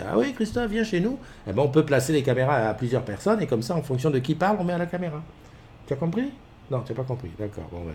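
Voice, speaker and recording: A middle-aged man hosting a casual morning live stream from home, rambling with many fillers and greeting viewers by name at a desk mic. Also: medium pitch. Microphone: desk mic with webcams.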